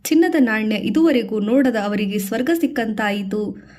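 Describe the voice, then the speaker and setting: A woman narrating a devotional story from a script, lifting her voice for the characters' lines. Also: moderate pace. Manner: expressive, voices characters' lines with a raised pitch.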